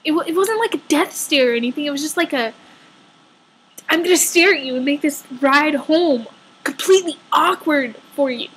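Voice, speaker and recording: A young woman with a very high, fairly bright voice chats through a personal story vlogger-style, casually exaggerating and dropping in little quoted asides. She talks at normal speed, and the audio is poor.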